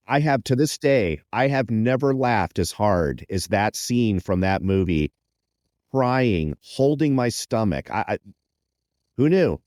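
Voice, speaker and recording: A man co-hosting a podcast in casual chat, playful and animated, slipping into quick mock voices. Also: on the low side, no room sound, clean studio sound. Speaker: podcast co-host.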